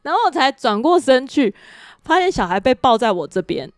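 A woman in her thirties co-hosts a podcast and tells her story in a chatty, animated way. She, a slightly high voice and a very quick pace. The mic is close and the room is dry. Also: no room sound. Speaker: podcast co-host. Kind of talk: casual chat.

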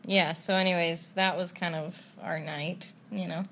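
A woman's voice: lowish voice, steady tone, moderate pace, a bit bright. A young woman chatting casually on a travel vlog, giggly and teasing. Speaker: travel vlogger. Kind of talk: casual chat.

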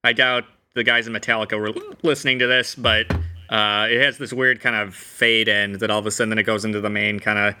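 Lower-voiced man with hiccups, very bright. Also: little pitch movement, clear, resonant tone. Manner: halting, searching for words. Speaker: podcast co-host.

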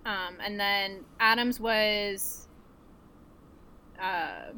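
A young woman co-hosting a casual podcast as scorekeeper, amused and gently wrapping things up. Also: medium pitch, steady tone, drawn-out words, slight background noise. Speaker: scorekeeper co-host. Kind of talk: casual podcast game chat.

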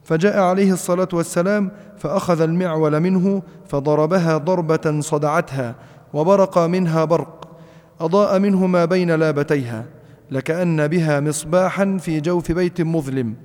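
A man reading a classical text aloud to a class in a steady voice. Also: fairly high pitch, moderate pace. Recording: long reverb of a hall.

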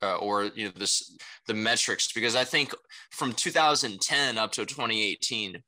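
A young adult man whose first language is Mandarin Chinese gives casual, rambling interview answers, peppered with "you know" and "right?" tags. He is a salesperson and rapper, and his voice is low-pitched yet bright, at a moderate pace. The recording is rough.

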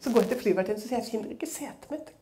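A woman's voice: fairly high pitch, expressive, mellow. A woman speaking at a church, telling a personal testimony as a dramatic, chatty story full of conversational fillers.

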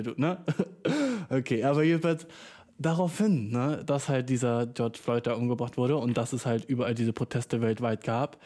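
A young German man hosting a casual solo podcast from a small room, talking in slangy German sprinkled with English and flaring into animated outbursts. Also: medium pitch. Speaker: podcast host. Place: small room, speaking into a microphone.

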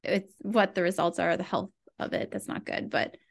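A woman's voice: lowish voice, lively intonation, normal speed, vocal fry. A woman co-hosting a talk podcast, speaking reflectively and trailing off as she thinks. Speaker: podcast co-host. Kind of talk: casual conversation.

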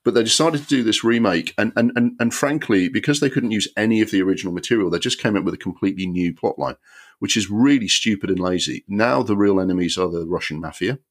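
A man hosting a film podcast, giving an animated, exasperated review with many ums and the odd swear word. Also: fairly low pitch, fast talker.

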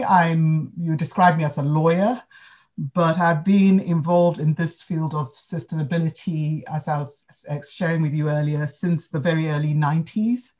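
A woman in her fifties from Ghana, answering interview questions in a measured, explanatory way. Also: deep voice. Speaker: guest, sustainability advisor.

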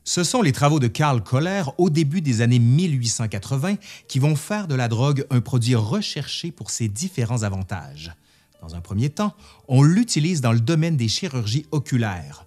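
A man's voice: medium pitch, darkish tone. A man presenting a history video, reading a scripted educational narration in a storytelling manner.

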